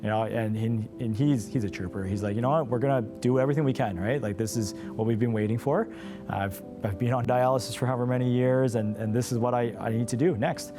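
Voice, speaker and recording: The patient's brother, appearing as an interview guest, talks fast in a mid-range voice over music. He tells his personal story candidly, sounding earnest and conversational.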